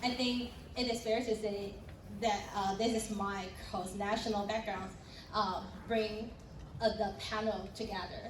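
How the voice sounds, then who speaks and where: A woman's voice: medium pitch, steady tone, unhurried. Young woman, panel moderator, friendly with fillers; roomy, distant conference audio. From Taiwan. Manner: friendly, with light laughs and fillers. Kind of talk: panel introductions and presentation. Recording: roomy sound from a distant mic with background noise.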